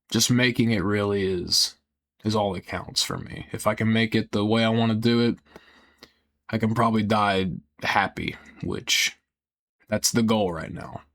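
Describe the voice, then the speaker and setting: A young man talking casually and earnestly in a rambling, halting way that often trails off, with some casual swearing. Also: medium pitch, fairly bright tone. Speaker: video creator. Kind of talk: casual rambling personal talk.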